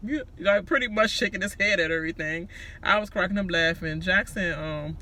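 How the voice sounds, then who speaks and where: High, bright-voiced sassy man, D.C. accent. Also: a little fast. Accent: Washington, D.C. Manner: sassy, gossipy, animated, slangy and profane. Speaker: reality show recapper. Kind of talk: casual chatty recap commentary.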